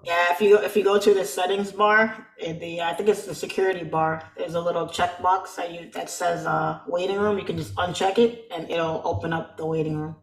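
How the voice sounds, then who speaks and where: A woman speaking as the featured trader on a video conference call, upbeat and quick to laugh, often repeating her phrases in casual webinar chat. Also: on the low side, fairly even intonation. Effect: heard over a video conference call. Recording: echoey room over a call line.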